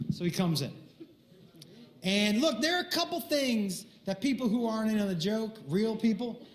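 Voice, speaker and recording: A stand-up comedian with a high-sitting voice, heard in a roomy space, animatedly tells a crude prank story and acts out the other characters' voices.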